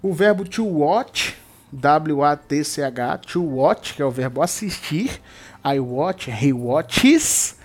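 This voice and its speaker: A man's voice: on the high side, expressive, slow. A Brazilian man, a native Portuguese speaker, teaches English verb rules to students, repeating examples and often checking in with "tá?". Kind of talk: explaining grammar to students.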